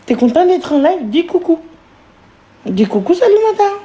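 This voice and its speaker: A woman live streaming in casual chat, cooing doting baby talk and breaking into wailing, sob-like high notes. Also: very animated, moderate pace, warm tone, reverberant.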